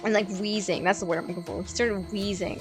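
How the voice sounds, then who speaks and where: A woman's voice: medium pitch, fairly even intonation, quick pace, music in the background. A woman co-hosting a casual review chat, retelling scenes and searching for words. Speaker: podcast co-host.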